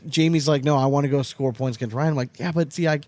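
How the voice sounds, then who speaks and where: Co-hosting a sports podcast, a man with a high-leaning voice talks fast and animatedly, airing strong opinions and swearing often. The recording has no echo.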